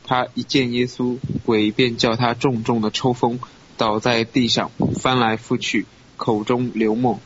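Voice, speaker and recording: Man reading scripture aloud, steady. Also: medium pitch, measured pace. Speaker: scripture reader. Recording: dull lo-fi recording with faint hiss.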